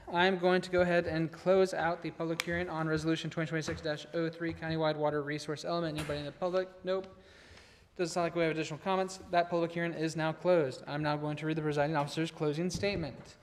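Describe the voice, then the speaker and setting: A man's voice: fairly high pitch, fairly even intonation, slight background noise. A man presiding over a city council meeting, rattling off formal procedural statements in a council chamber. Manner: rapid, rattled-off formal reading. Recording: long reverb of a large chamber.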